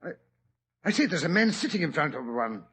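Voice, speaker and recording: An actor playing a fussy, easily startled doctor sidekick in 1940s radio drama style, blustering and stammering. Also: male voice, fairly high pitch, very animated, a little fast, a bit bright, slight background noise. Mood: nervous.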